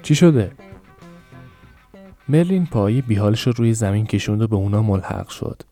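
A man narrating a novel for a podcast in a calm, measured reading. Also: fairly low pitch, soft background music. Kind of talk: scripted audiobook narration.

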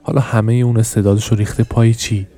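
A man voices a sour middle-aged shopkeeper from an audiobook, griping with scorn. His voice sits low and mellow. He grumbles in a plain reading tone. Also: level tone, lightly acted. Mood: scornful.

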